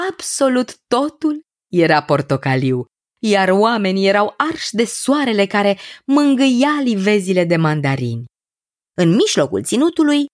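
A woman narrating a children's fairy tale in an expressive, sing-song way. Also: medium pitch, dry recording, studio quality. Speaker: storyteller.

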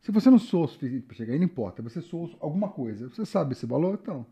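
Animated joking man, dark voice. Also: fairly high pitch, rapid-fire, slightly rough. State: tired from no sleep. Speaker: podcast co-host. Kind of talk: casual chat.

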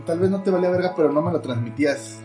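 A man's voice: a little high, racing, over loud music. A young man with a northern Mexican accent in casual podcast chat as co-host, blunt and slangy, swearing freely.

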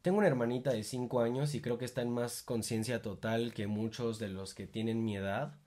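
A man's voice: medium pitch, fairly even intonation, brisk, a little mellow. A young man with a Mexican accent hosting a reflective monologue, informal and full of swearing, rising into emphatic bursts. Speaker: podcast host.

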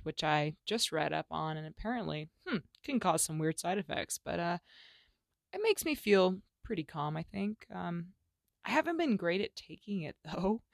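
Slangy woman, gravelly low voice. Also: no echo. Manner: candid, slangy, swings from loud to hushed. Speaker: solo podcast host. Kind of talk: casual solo podcast chat. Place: small closet at home.

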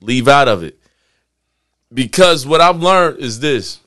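A man's voice: medium pitch, lively intonation, slow pace, a bit bright. Emphatic man in his forties. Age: 40s. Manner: emphatic, repeats himself, slangy. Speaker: podcast host. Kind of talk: casual podcast chat.

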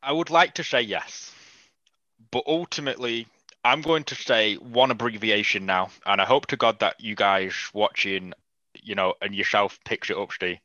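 A podcast guest talks football in a casual sports podcast chat, blunt, animated, and swearing freely. His voice is bright and forceful, pitched a little low, at a normal speed. The recording is dry and slightly dull.

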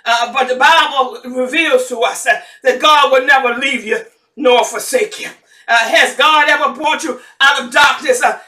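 A woman preaching a sermon with emphatic shouted exclamations, calling out to the congregation. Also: high voice. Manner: calls out to the congregation. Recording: echoey room, far from the mic.

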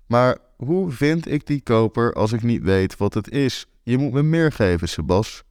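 A man reading a story aloud, voicing a brisk, businesslike young woman dealer in a cool, matter-of-fact way. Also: on the low side, very animated, darkish tone, clean tone, no room sound, clean studio sound.

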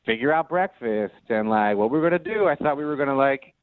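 A man's voice: mid-range voice, expressive, quick pace, no room sound. A man in his late twenties, calling into a radio show and telling his story in a sheepish, rambling way over the phone. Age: late 20s. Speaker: caller. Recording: tinny phone line, dry.

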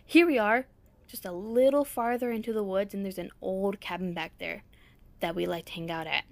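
A woman's voice: medium pitch, normal speed, creaky, natural voice. A female actor playing a falsely friendly, coaxing girl in a horror audio drama.

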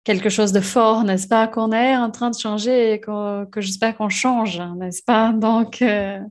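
A woman's voice: fairly high pitch, steady tone, measured pace. A woman from Brazil, a Portuguese native speaker talking in French, reflective and often adding tag questions. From Brazil, Minas Gerais. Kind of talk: casual conversation.

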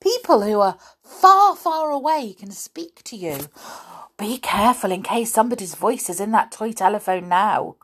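An earnest little toy soldier frets and pleads in a high, lively voice, as a woman storyteller puts him on. He sounds worried and gentle, from a storybook. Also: measured pace, hardly any pauses, heavily acted. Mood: anxious pleading.

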